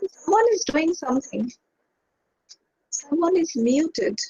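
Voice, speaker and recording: A woman hosting a webinar over a video call, full of fillers and warm praise. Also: high voice, expressive, slow pace, lo-fi sound. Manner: hesitant, many fillers and restarts, effusive praise. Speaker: webinar host. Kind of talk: casual webinar moderation.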